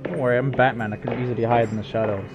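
A man's voice: medium pitch, fairly even intonation, very fast, muffled recording, over music. A man leading friends through a VR game with bossy, joking role-play banter. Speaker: player leading a group in a VR game.

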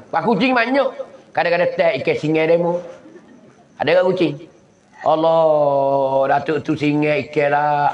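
A man from southern Thailand with a Patani Malay accent, giving a folksy religious lecture and mimicking animal noises as he tells stories. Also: fairly high pitch. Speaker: Islamic preacher. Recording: echoey lo-fi recording.

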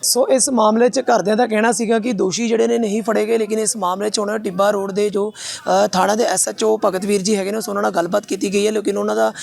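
Male news reporter, Indian Punjabi accent, very creaky, rapid sign-off summary. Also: high-pitched, little pitch movement, a little mellow.

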